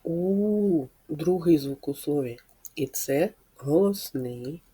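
Slow, low-voiced woman teaching small children. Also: expressive, warm tone, slightly rough. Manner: patient, asks children questions and confirms answers. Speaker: speech therapist teaching preschoolers. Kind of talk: slow, clear lesson for young children.

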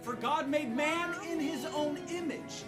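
Leading a family Bible reenactment, a mother reads scripture aloud and instructs children, repeating short directions. Her voice is high and a little slow, recorded from a distance with music playing underneath.

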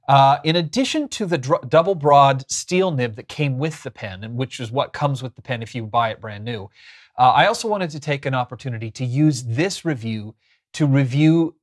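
This pen review show host, a man in his thirties, has an ordinary mid-pitched voice and reviews in a chatty, explanatory style. He addresses the camera casually. A lapel mic captures him inside a small furnished room.

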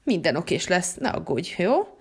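A woman's voice: on the low side, very animated, darkish tone, husky, pitched below the performer's own voice, full character voice. A woman voicing an easygoing family dad in a toy-figure story, talking in a soothing, reassuring way.

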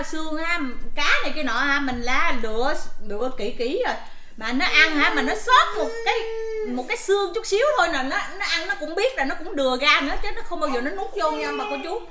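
High, bright-voiced mother. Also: reverberant, a little hiss or hum. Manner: animated storytelling with frequent exclamations. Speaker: family vlogger, mother. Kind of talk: casual family vlog chat.

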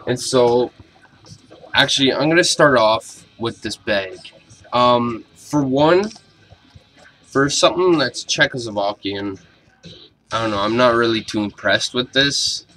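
Bright-voiced young man, casual and blunt. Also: medium pitch, a little slow, pauses often, soft background music. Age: young adult. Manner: blunt, informal, swearing. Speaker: reviewer. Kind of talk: casual video review. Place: small cluttered bedroom, indoors.

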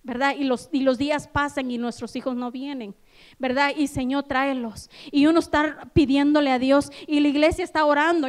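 A woman preaching a sermon in a church, addressing the congregation with rhetorical questions and building to loud, passionate exhortation. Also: high-pitched. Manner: addresses listeners as brother, asks rhetorical questions.

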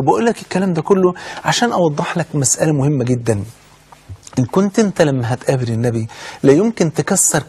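Egyptian male preacher, husky voice, very fast fervent sermon delivery. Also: a little high, a little mellow. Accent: Egyptian Arabic. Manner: fervent, with rhetorical questions and oaths.

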